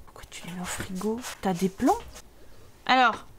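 A woman's voice: medium pitch, normal speed, fairly bright tone, a little hiss or hum. A French-accented woman commentating a life simulation game in casual chat, teasing her characters and often dropping to a whisper.

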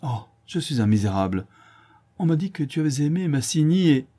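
Ardent young lover in an audiobook, pleading and overwrought, raised pitch, dark husky tone, as a male reader acts him. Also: big pitch swings, a little fast. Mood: remorseful. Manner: pleading, emotional delivery.

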